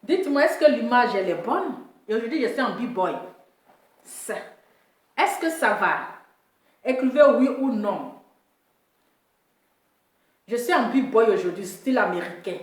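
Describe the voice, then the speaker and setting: A woman's voice: a little high, lively intonation, measured pace, long pauses. Woman live-streaming in a very echoey room. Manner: repetitive, teasing, often laughing, addresses viewers directly. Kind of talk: casual live-stream chat to viewers. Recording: echoey room, voice from far off the mic.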